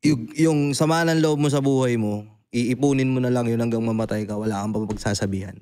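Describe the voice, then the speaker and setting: A young adult man hosting a casual podcast chat, animated and blunt, swearing freely and often asking "di ba?". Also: medium pitch, brisk. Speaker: podcast host.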